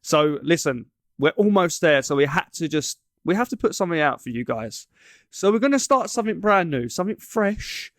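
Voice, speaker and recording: A man's voice: a little high, expressive, moderate pace, dry recording, studio quality. A man co-hosting a casual podcast, joking around and rambling with frequent restarts. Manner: joking, rambling, self-interrupting. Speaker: podcast co-host. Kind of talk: casual chat.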